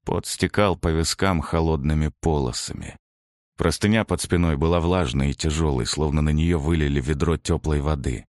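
A man's voice: very deep voice, normal speed, a little mellow, dry recording, studio quality. A man giving a grim first-person narration of a gritty story. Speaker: audiobook narrator.

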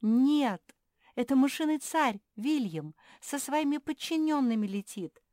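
A woman's voice: high voice, expressive, measured pace, warm tone, no echo, studio quality, voice pushed up. A woman voicing a timid, nervous female animal in a storybook reading. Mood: excited.

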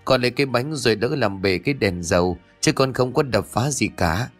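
A man's voice: mid-range voice, expressive, fairly quick, soft background music, lightly acted. A man voicing a frightened little boy who talks in a stammering, fearful way. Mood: scared.

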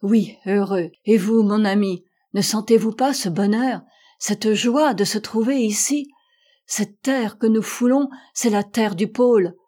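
A man's voice: sits high, measured pace, hardly any pauses, dark tone. A woman voicing a feverish, exalted male polar sea captain in an audiobook, speaking with fervent, repeated phrases. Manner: fervent, repeating himself in rapture.

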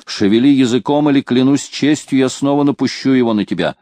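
A man's voice: low-pitched, big pitch swings, moderate pace, darkish tone, no echo. A man voicing a teasing, amused rogue. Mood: mock-angry. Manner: teasing and mock-stern. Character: mocking, amused male companion.

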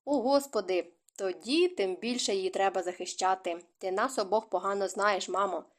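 A woman's voice: medium pitch, normal speed, natural voice. A woman voicing a protective, sulky young man who is his sister's eldest brother. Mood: grumpy. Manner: sulky and stubborn.

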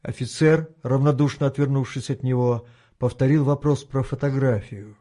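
A man reading a tense novel aloud as an audiobook narrator, with steady, dramatic storytelling. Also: medium pitch, normal speed. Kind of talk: scripted narration.

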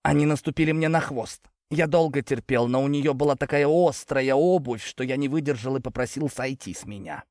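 A man voicing a large male serpent creature who speaks in a measured, polite, matter-of-fact way. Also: medium pitch, darkish tone, dry recording, clean studio sound, pitched above the performer's own voice, natural voice. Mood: calm.

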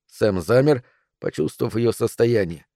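A man narrates a novel aloud in a calm, measured way, his tone mellow and unforced. The sound is close and dry. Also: lowish voice, no echo. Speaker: audiobook narrator.

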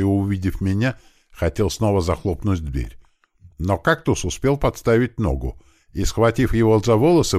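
A man's voice: on the low side, a little mellow, dry recording. A man narrating a first-person audiobook with a tense, vivid storytelling manner on a close studio mic.

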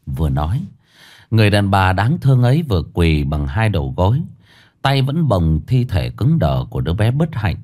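Lively low-voiced male storyteller. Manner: grave, dramatic storytelling. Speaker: horror story narrator. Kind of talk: scripted horror narration. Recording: faint music behind.

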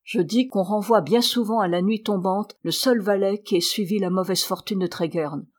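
A woman's voice: mid-range voice, normal speed, darkish tone, lightly acted. A woman reading the part of a sly village man who keeps insisting and needling. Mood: insistent.

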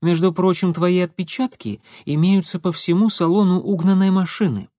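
A man voicing a young female security officer with a calm, reproachful tone. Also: high-pitched, moderate pace, no echo, studio quality, voice pushed up, close to an everyday voice.

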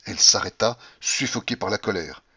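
A man's voice: lowish voice, fairly quick, bright, forceful tone, slightly rough, no room sound, lo-fi sound. A man giving a dramatic, impassioned reading of a classic novel in the first person, with a feverish delivery. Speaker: audiobook reader.

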